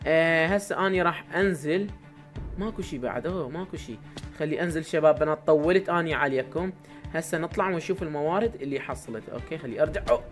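A young man with an Iraqi Arabic accent, giving excitable live commentary to his viewers while playing a game, with sudden loud exclamations. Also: fairly high pitch, fast, soft background music. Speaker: gaming YouTuber.

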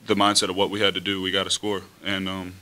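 A young man, a college quarterback, answering at a post-game press conference in a relaxed, easy way at a table mic. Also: deep voice, fast. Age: young adult. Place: press room in front of a team backdrop. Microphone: table mic on a stand.

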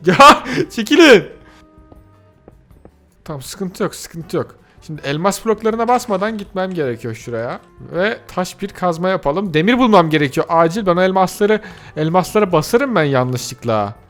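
A man giving excited let's-play commentary, gasping and exclaiming as he talks to his viewers and himself. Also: high-pitched. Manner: excitable, gasps and shouts at surprises. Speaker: gaming youtuber.

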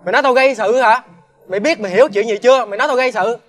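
A man's voice: extremely high pitch, rapid-fire, a bit bright. An actor playing a defiant, jobless young man, making defensive, sneering comebacks in a TV crime drama.

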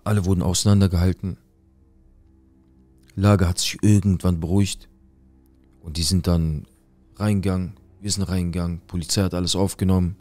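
A man's voice: sits low, flat delivery, normal speed, long pauses, warm tone, faint music behind. A young man telling a personal story in casual street slang, acting out quoted dialogue. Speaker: guest telling his life story.

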